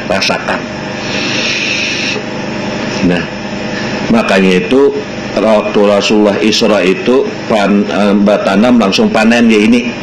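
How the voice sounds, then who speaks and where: A man's voice: on the low side, echoey room, noisy background. A man with a Banjar accent giving a Sufi study lesson, mixing Arabic quotations with local dialect and firing rhetorical questions at listeners, heard from an old worn tape recording. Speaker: religious teacher.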